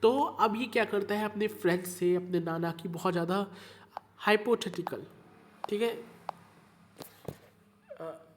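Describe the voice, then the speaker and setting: A man's voice: high-pitched, a little slow, pauses often. Man, teacher, Hindi-English mix, repeats himself, checks in with students, faint background hiss. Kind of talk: online class explaining a story.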